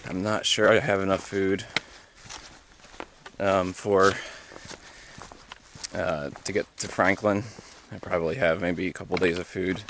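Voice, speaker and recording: A young thru-hiker with a low voice vlogs casually as he climbs a mountain trail, out of breath from the uphill effort. His speech is easygoing but halting and full of fillers, with fairly even intonation. Background noise from outdoors is clearly audible.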